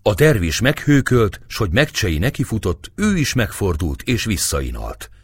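Male audiobook narrator, dramatic novel reading, very low husky voice, dry close sound. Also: dry recording. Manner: expressive, storytelling delivery.

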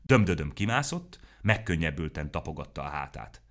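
A man reading a children's story aloud in a playful, animated way. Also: very deep voice.

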